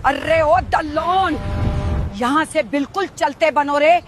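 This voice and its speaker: A woman voicing a bossy, sharp-tongued middle-aged stepmother in a comic cartoon. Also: high-pitched, slow. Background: music.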